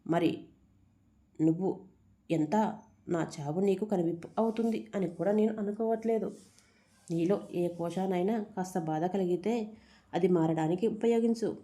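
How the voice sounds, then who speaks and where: A woman's voice: fairly low pitch, unhurried, pauses often, dark tone, lightly acted. A woman voicing a defiant young heroine. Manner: defiant, tearful.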